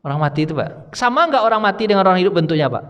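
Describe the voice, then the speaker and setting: A male preacher delivers a chatty sermon, often turning to his audience with questions. His voice sits on the high side for a man. The hall around him rings with a long reverb. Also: lively intonation, very fast, clear, resonant tone, lo-fi sound. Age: younger than his audience. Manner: conversational, asks the audience questions. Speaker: Islamic preacher.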